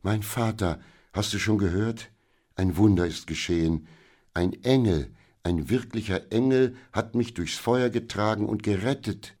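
Awestruck storybook girl, eager and breathless, as a deep-voiced male reader puts her on. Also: unhurried, darkish tone. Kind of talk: audiobook character reading.

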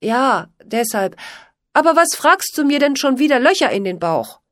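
Pitching her high voice above her own natural range, a woman plays an earnest, worried young stable boy who stammers and pleads, here in an angry mood. Her delivery is very animated and a bit bright at normal speed, recorded cleanly in a studio with no room sound.

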